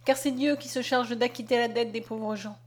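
A woman reading the part of a deeply grateful young girl, in an emotional, exclaiming voice. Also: fairly even intonation, moderate pace, lightly acted.

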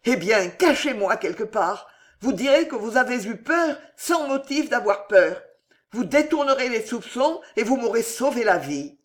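A man's voice: very high-pitched, animated, takes it slowly, hardly any pauses, pitched above the performer's own voice, heavily acted. A reader voicing a desperate young male fugitive who begs for mercy in a raised voice in a storybook reading. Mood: pleading. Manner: raised, begging.

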